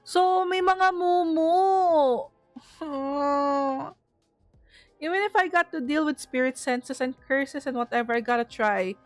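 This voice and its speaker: An excitable, easily startled woman with a Filipino accent, playing a horror game for viewers and reading its text aloud. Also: high-pitched, takes it slowly, dry recording. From Philippines. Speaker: gaming streamer. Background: game music.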